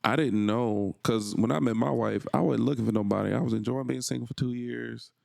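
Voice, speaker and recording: A man's voice: mid-range voice, fairly quick, vocal fry, darkish tone, no echo. A married man co-hosting a podcast, telling a story in laid-back casual chat, restarting and repeating phrases. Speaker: podcast co-host.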